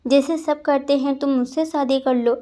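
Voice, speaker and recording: A woman voicing a calm, domineering young male mafia boss who speaks softly but gives orders. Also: sits high, moderate pace, natural voice. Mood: coaxing. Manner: soft-spoken, commanding.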